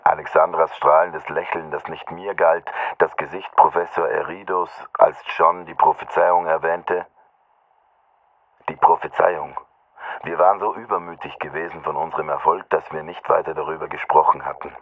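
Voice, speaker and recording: A man narrates a dark first-person story in a grave, measured reading. His voice is very low and close, with no room sound. The sound is squeezed into a thin, phone-like band. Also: flat delivery, no room sound. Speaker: audiobook narrator.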